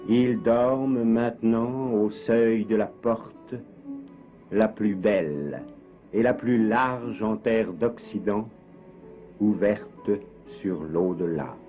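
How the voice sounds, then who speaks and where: A man giving solemn, measured, poetic scripted documentary narration, heard as a 1950s TV broadcast. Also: lowish voice. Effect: 1950s TV broadcast sound. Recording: dull lo-fi 1958 archive with music. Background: plucked guitar music.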